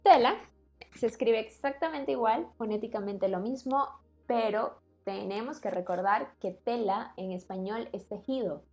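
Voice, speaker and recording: A woman co-hosts a relaxed podcast, explaining things patiently. She laughs easily. Soft music plays faintly underneath. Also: on the high side, unhurried. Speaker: co-host explaining language. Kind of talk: casual podcast chat.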